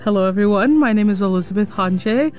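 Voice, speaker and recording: Woman, from alabama, opera singer, dark mellow voice, faint music. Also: medium pitch, lively intonation, fairly quick.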